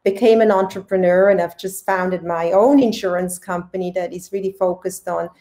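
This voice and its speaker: A woman's voice: on the low side, normal speed. Woman from Switzerland telling stories. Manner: lively storytelling with many fillers and restarts. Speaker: panelist. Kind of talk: panel talk on a video call. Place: home room indoors. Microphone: webcam at desk distance.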